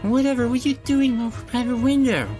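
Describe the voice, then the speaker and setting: A man plays a meek, polite female servant in a video game, pitched very high. The delivery is fluttery and deferential, over clearly audible music. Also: steady tone, fairly quick. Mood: startled.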